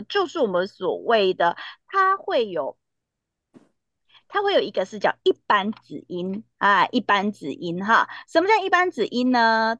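A woman's voice: mid-range voice, no room sound, muffled recording. A woman teaching a Korean pronunciation class, checking in with her students again and again. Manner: lively, with many checking tags like "哈" and "对不对". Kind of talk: classroom lesson.

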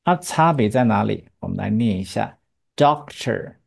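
A woman teaching English pronunciation in a patient, lively way, her pitch bouncing as she explains and drills words with a student. Her voice has a slightly gravelly edge. She keeps asking quick checking questions. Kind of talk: bilingual English pronunciation lesson.

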